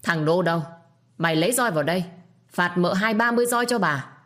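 A woman's voice: low-pitched, moderate pace, lightly acted. A woman voicing a stern older matriarch of a rich household, barking orders at the servants in an audio story. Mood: commanding.

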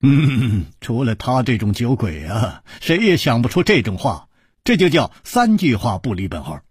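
A man voicing a calm, modest male hero with a dry, easy humor. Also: mid-range voice, normal speed, slightly rough, dry recording. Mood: wry.

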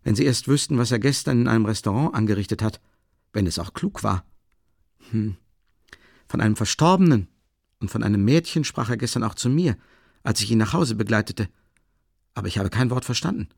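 A man's voice: on the low side, lively intonation, a little fast, gravelly, pauses often, darkish tone, no room sound, studio quality. Man reading an earnest flustered young man. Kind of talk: audiobook character reading.

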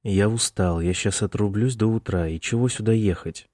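A man's voice: fairly low pitch, a little mellow, dry recording, studio quality, close to an everyday voice. A male narrator voicing a tired, irritated young man who answers his mother curtly in an audiobook. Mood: weary. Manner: weary, curt and slow.

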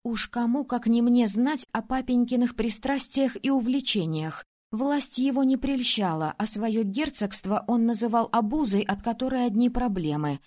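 A woman narrating a first-person audiobook, expressive, acting out the heroine's outbursts. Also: a little high, normal speed, few pauses. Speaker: audiobook reader.

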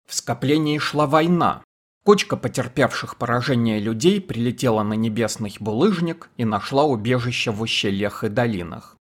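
A man narrating an audiobook in an even, measured storytelling voice. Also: mid-range voice, breathy edge. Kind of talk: scripted narration.

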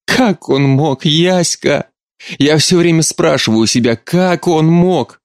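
A tearful middle-aged mother, as a male reader puts her on, her voice pushed up high and tight with sobs. She pleads and protests through her crying in a dry, close storybook reading. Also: very animated, moderate pace, darkish tone, dry recording. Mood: sobbing.

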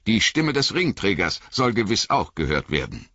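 A man's voice: on the low side, sing-song, moderate pace, sharp tone, no echo, muffled recording, full character voice. A man voicing a proud, bold male warrior who speaks bluntly and assertively.

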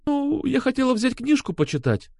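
A man's voice: extremely high pitch, sing-song, moderate pace, creaky, a little mellow, no room sound, studio quality, pitched above the performer's own voice, exaggerated voice. A man reading an audiobook, voicing a frightened young woman who speaks through tears and pleads. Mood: frightened pleading. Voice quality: tearful, pleading.

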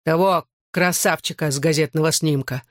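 A woman's voice: low-pitched, moderate pace, no echo, clean studio sound, natural voice. A woman voicing a drunk, violent middle-aged father who snarls and slurs his words. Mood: drunk, furious. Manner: slurred, snarling, barking.

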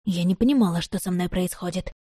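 Female audiobook narrator, calm and measured, mellow dark tone, dry close sound. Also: lowish voice, breathy edge, no room sound. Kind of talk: scripted narration.

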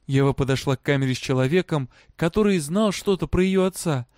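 A man narrating a story aloud in a steady, even reading manner. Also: on the high side, fairly quick, clear, resonant tone, no echo, clean studio sound. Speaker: audiobook narrator.

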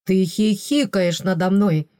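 A woman reading an audiobook, voicing a calm, teasing young male crown prince in a slow, measured, dryly ironic way. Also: mid-range voice, dry recording, natural voice. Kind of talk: audiobook character voice.

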